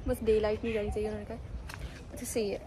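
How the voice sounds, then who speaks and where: A woman's voice: mid-range voice, flat delivery, very fast. A young woman, a university student, chatting casually and rambling in a giggly way for her vlog. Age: young adult. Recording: crowd and noise behind.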